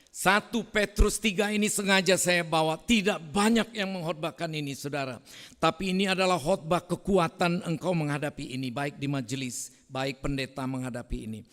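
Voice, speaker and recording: A man preaching a sermon, with a big voice that drops to hushed prayer. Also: fairly high pitch, moderate pace. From North Sumatra. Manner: loud voice, swings from hushed prayer to fervent exhortation. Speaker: evangelist preacher. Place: church hall. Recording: reverberant church hall.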